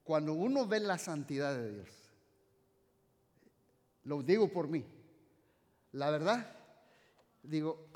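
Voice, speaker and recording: A man from Mexico preaching a sermon in a church, swinging from loud exclamations to soft, stretched-out phrases. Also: a little high, big pitch swings, slow, pauses often. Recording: reverberant hall sound.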